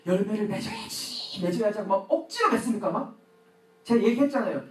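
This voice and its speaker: A man's voice: high-pitched, expressive, fast, slight background noise. A middle-aged man preaching a sermon as pastor, acting out his own prayers and quarrels. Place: church sanctuary. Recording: echoey church hall, mic at a distance.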